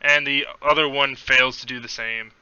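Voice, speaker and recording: A man's voice: medium pitch, fairly even intonation, moderate pace, sharp tone, clear, resonant tone, dry recording, muffled recording. A man casually narrating a tabletop fantasy game as game master, in a playful manner.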